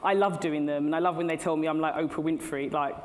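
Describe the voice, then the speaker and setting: Speaking fast with fairly even intonation, this middle-aged keynote speaker has a voice that sits low. She delivers a chatty talk to a live crowd in a big tech-event hall and laughs at her own asides. Long hall reverb, faint ambience and slight background noise come through.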